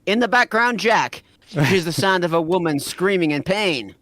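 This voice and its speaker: A man reading fanfiction aloud as the narrator, in an animated, amused way. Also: high voice, normal speed. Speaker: narrator and reader.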